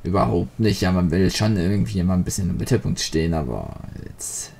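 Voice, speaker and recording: A man's voice: low voice, animated, brisk, gravelly, darkish tone. A man hosting a Let's Play, commenting on the game with jokey, rambling free association. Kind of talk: joking gameplay commentary.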